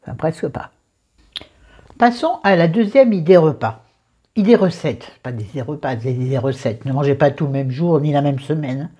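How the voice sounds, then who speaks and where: Chatty woman with a dark, husky voice. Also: deep voice, expressive, normal speed, muffled recording. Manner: chatty and digressive, with joking asides to herself. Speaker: cooking vlogger. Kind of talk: casual recipe demonstration.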